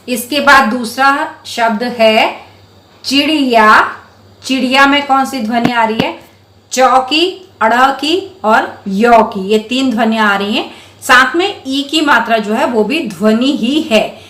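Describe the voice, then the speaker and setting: A woman teaching young children to read, sounding out syllables slowly and clearly in a patient, encouraging way. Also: on the high side, a bit bright, echoey room. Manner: drawn-out syllables for sounding out words. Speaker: primary school Hindi teacher.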